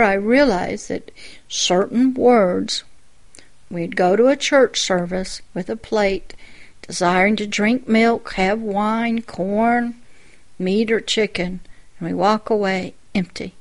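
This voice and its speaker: A woman pastor giving a sermon-style personal testimony, telling the story in a reflective way with quiet asides. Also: medium pitch, slow.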